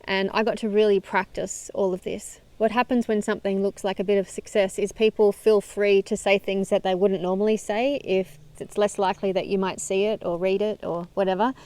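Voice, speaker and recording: A woman's voice: mid-range voice, fairly even intonation, fairly quick, hardly any pauses. A woman hosting a self-help video, speaking to camera in an earnest, encouraging and conversational way. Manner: earnest, encouraging, conversational, with frequent soft laughs. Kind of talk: direct-to-camera motivational talk.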